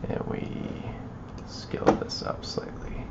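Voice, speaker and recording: A man walking viewers through a video edit on a livestream, thinking aloud and trailing off into quiet mutters as he works. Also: slow pace, dull audio, very noisy. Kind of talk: live editing walkthrough.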